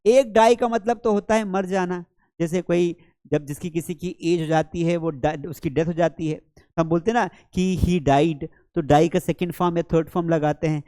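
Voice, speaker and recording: Man, English teacher, slow careful example sentences, fairly high pitch. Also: steady tone, mellow, dry recording, studio quality. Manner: calls listeners beta, slows right down for English example sentences. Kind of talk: classroom lesson explaining words.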